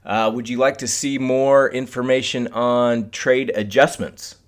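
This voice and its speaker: A man's voice: mid-range voice, steady tone, unhurried. A man hosting a live instructional webcast in a casual style, addressing his viewers directly. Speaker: host of a live trading webcast.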